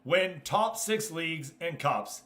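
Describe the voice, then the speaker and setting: This American streamer's voice is fairly high, expressive, pushed, and bright, and his pace is slow. He hosts casually, commentating on a game and jumping between chatting with viewers and explaining things.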